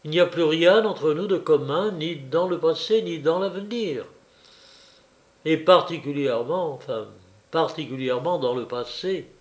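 A male reader voicing a troubled young man who answers in hurried, jerky, bitter phrases, in a spoken novel reading. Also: fairly high pitch, lightly acted.

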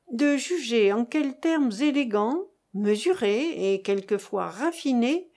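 A woman reading a classic novel aloud as an audiobook narrator, in an expressive, dramatic way. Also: fairly high pitch.

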